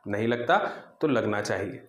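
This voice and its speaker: A man's voice: fairly low pitch, moderate pace. A man teaching a Hindi vocabulary lesson in a friendly, conversational way, often checking in with his students. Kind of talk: explaining vocabulary in a class lesson. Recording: echoey room.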